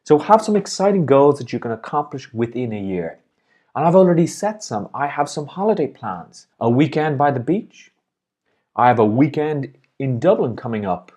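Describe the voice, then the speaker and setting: A man's voice: medium pitch, big pitch swings, moderate pace, warm tone. A man hosting a motivational video as a life coach, talking in an upbeat, encouraging way and smiling as he speaks. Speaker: life and business coach, host.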